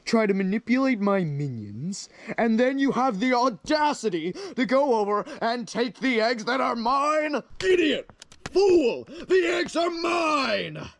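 A man voicing a bossy, short-tempered pig king who yells insults in a pompous way. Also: very high voice, animated, normal speed, hardly any pauses, no echo. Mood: furious. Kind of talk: plush puppet comedy voice acting.

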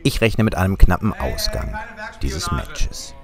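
A man's voice: low-pitched, wildly swooping pitch, measured pace, vocal fry, a crowd in the background. A German man narrating a sailing vlog in a wry, dryly humorous voice-over.

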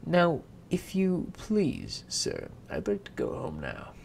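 Casting note: scared storybook maiden, high and pleading, as a gravelly reader puts her on. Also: wildly swooping pitch, takes it slowly, slight background noise, full character voice. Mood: anxious. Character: frightened young miller's daughter.

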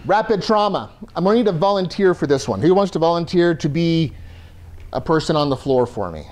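A man's voice: a little high, expressive, brisk, a little mellow. A man teaching a first aid class to a room, conversational and joking as he explains. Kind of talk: classroom lecture.

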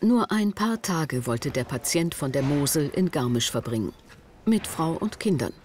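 Female narrator for a TV report, measured studio read. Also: deep voice, big pitch swings, a little mellow, slight background noise. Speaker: documentary narrator. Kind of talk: scripted narration. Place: studio voice-over.

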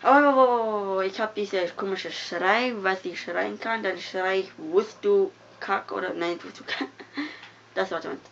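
A young woman gives loose, giggly commentary while she plays, drifting from low mutters to sudden squeals. Her voice sits at a middling pitch. The recording sounds dull and lo-fi, with faint noise underneath. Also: unhurried, creaky. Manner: excitable, giggly, swings from mumbling to loud yelps. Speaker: gamer. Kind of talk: casual game commentary.

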